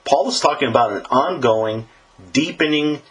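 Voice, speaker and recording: A man preaching a sermon to his congregation, in an animated and emphatic style. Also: moderate pace. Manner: animated, emphatic preaching with lively pitch swings.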